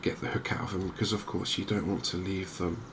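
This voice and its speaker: Soft-spoken and in no rush, a gaming host offers ASMR commentary on gameplay. He talks in a somewhat low register that stays remarkably level. Ambient noise is plainly audible as he chats with viewers and lets pauses sit.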